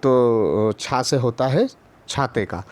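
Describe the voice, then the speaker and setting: A man's voice: mid-range voice, expressive, darkish tone. Patient male teacher sounding out syllables. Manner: patient, repetitive, spells out each syllable; frequent drawn-out filler pauses. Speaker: primary school teacher. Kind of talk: online Hindi lesson for young children.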